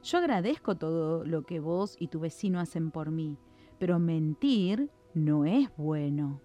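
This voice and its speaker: A woman voicing a stern, wise old male parrot with a shrill, sergeant-like squawk, with faint music behind. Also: animated, measured pace, warm tone.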